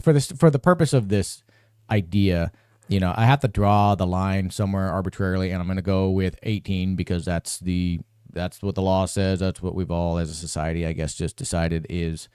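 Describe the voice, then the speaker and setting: A man's voice: sits low, warm tone, clean tone, dry recording, studio quality. A man in his forties hosting a solo live-stream podcast, rambling with restarts and building into a profane, exasperated rant. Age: 40s. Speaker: podcast host.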